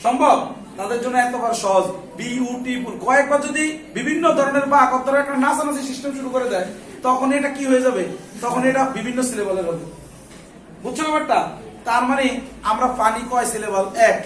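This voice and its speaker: Quick-paced and a bit bright, a man's very high-pitched voice leads an English grammar class in which he asks questions, answers them himself, and scolds chatterers. The sound comes from far off in a reverberant classroom and carries a little hiss or hum.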